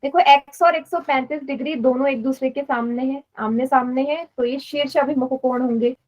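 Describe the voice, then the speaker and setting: A woman's voice: high-pitched, steady tone, brisk, darkish tone, rough recording. A woman teaching math in a live online class, patiently explaining and quizzing students. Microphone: online class stream.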